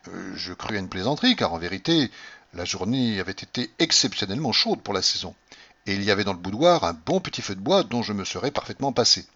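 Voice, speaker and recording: A man narrating a classic novel as an audiobook, with expressive storytelling. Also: lowish voice, fast, husky. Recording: dull lo-fi recording.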